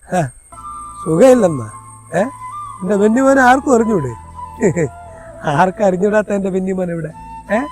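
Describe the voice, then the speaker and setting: A grief-crazed old moneylender father, acted by a man, rambling and pleading in a high voice. He speaks in a homemade comedy sketch with soft music underneath. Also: normal speed, pauses often, lightly acted. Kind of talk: comedy skit acting.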